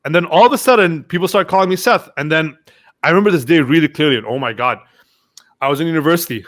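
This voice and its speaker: A fast-talking young man with a voice on the high side appears as a podcast guest. He recounts casual stories with animation, voicing his friends' quotes himself throughout the interview.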